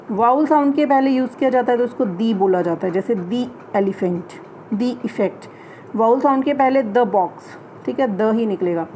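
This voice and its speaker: A fairly high-pitched woman teaches a grammar lesson, explaining in Hindi and slowing down to read out English example sentences. Faint noise hums behind her voice. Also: mellow, rough recording. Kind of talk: classroom-style grammar lesson.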